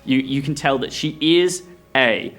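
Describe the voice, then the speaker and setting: A man's voice: mid-range voice, measured pace, a bit bright. A man narrating a tabletop role-playing game as game director, describing scenes in a rambling, amused way.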